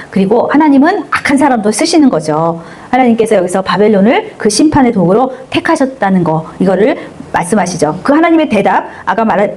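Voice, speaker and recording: Higher-voiced woman preaching a sermon. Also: a little mellow. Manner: conversational, acts out quoted speakers with rhetorical questions. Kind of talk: Bible-teaching sermon. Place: church service.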